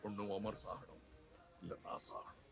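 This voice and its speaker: An actor playing a grim male agent facing a deadly showdown, delivering his film lines in a low-key way. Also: rapid-fire, over music, natural voice. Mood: resolute. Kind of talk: film dialogue.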